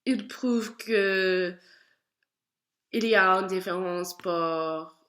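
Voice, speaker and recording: A young woman with an American accent, an English speaker, gives a spoken class reflection in French, halting and searching for words with many fillers. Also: medium pitch, a bit bright. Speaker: student.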